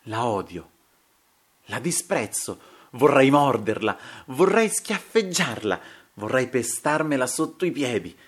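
A man's voice: medium pitch, measured pace. A man voicing a feverish young painter who talks in a bitter, agitated way. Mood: hateful. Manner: strange bitter laughter, excited.

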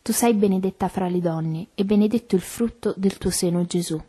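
A woman leading a recited rosary prayer in a soft, even, devotional way. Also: mid-range voice, moderate pace, breathy edge. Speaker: prayer leader.

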